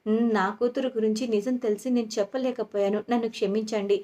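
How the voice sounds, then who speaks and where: A woman's voice: on the high side, fairly even intonation, fast talker, warm tone, natural voice. A woman voicing a remorseful, apologetic father. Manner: apologetic, subdued. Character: remorseful middle-aged man, apologetic father.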